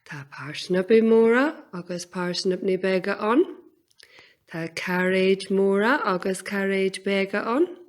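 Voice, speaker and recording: Unhurried woman narrating for young learners. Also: mid-range voice.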